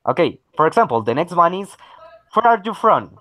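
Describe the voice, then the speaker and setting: A man's voice: sits high, very animated, brisk, no echo, lo-fi sound. A man, teaching a basic English lesson and often saying okay and very good. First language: Spanish. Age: 30s. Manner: encouraging, repeats okay and very good.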